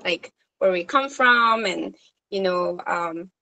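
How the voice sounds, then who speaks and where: In a supervision meeting, a social worker from Korea who speaks Korean natively talks slowly and haltingly, full of fillers and restarts. Her voice is on the low side with vocal fry and a sharp tone, and the recording is rough.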